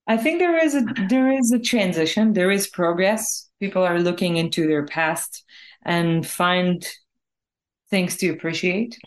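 An Israeli woman with a low-pitched voice is interviewed as a singer-songwriter, reflecting and carefully explaining her thinking in a conversational way. She speaks at a measured pace.

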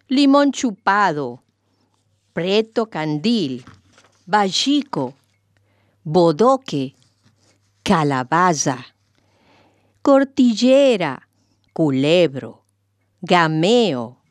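Woman slowly reciting proverbs, animated. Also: medium pitch, dry recording. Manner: deliberate, expressive recitation. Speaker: presenter of folk sayings.

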